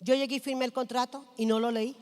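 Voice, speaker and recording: A woman's voice: fairly high pitch, steady tone, fast talker, darkish tone. A woman pastor preaching a sermon, telling a personal story and asking the congregation questions. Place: large church hall. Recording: long hall reverb.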